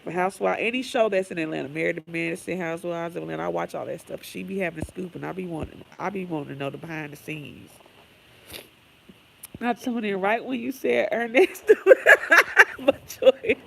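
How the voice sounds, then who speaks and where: A chatty livestream host with a gravelly, mid-range, fairly bright voice reads viewer comments aloud in a casual stream. They laugh often and drift off into gossipy tangents.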